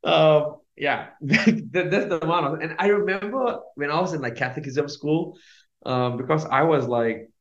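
A man's voice: fairly high pitch, normal speed. A young man, telling his faith story as a podcast guest in a rambling way, with many fillers, restarts and small laughs. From Singapore. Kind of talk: casual testimony. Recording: roomy, dull lo-fi sound.

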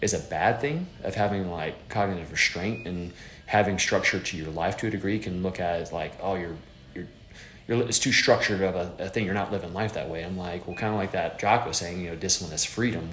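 A man's voice: low voice, a bit bright, roomy sound. A man in his thirties hosting a podcast, rambling casually with lots of fillers and restarts. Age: 30s. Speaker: podcast host.

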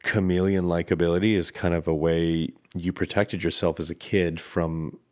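Candid, deep-voiced man podcasting solo. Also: level tone, moderate pace. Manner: candid, rambling, swears often. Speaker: podcast host. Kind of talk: casual solo podcast monologue.

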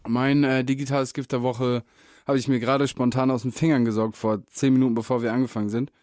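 A man's voice: mid-range voice, flat delivery, fast talker, darkish tone, dry recording, clean studio sound. A young man co-hosting a podcast, talking in loose, slangy, laid-back banter. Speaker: podcast co-host. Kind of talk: casual chat.

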